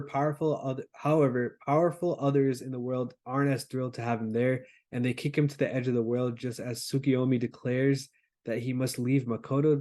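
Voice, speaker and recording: A man's voice: mid-range voice, a little mellow. Laid-back man chatting about anime. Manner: laid-back, filler-heavy, explains plots with many "like"s. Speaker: podcast co-host. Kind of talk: casual chat about anime.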